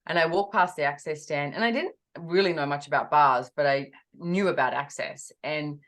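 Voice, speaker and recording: A woman being interviewed over a video call, telling a personal story with animated energy and acting out her own quoted words. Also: sits low, normal speed. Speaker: interview guest.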